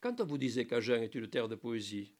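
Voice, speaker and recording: A man giving a spoken lesson on French verse, explaining in a lively teaching manner with playful asides and recited lines. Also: mid-range voice, a little fast.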